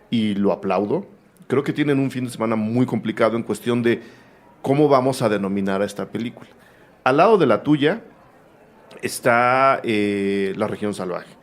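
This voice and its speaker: A man hosts a film interview in a medium-pitched voice. He talks at length and drifts into side remarks before he gets to his questions. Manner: chatty, rambling asides. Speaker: film show host, interviewer. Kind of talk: casual interview conversation.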